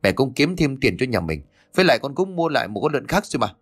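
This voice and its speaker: A man's voice: a little high, quick pace, pushed and bright, faint music behind, voice pushed up. Man doing an indignant, protesting grown son. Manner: protesting, raised voice.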